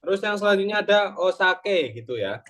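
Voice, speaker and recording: A man's voice: high-pitched, sing-song, moderate pace, fairly bright tone. A young man with a slightly raised voice teaches a small class, explaining each point patiently. He walks through examples step by step and keeps checking that the students follow. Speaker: Japanese tutor. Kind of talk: online Japanese lesson explained in Indonesian.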